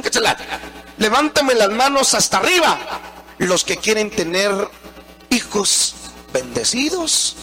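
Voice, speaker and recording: A man from Guatemala with a Guatemalan Spanish accent, preaching a sermon with shouted, sing-song rises and slow, drawn-out stresses. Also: high voice, gravelly. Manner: acts out quoted mothers and children in raised voices.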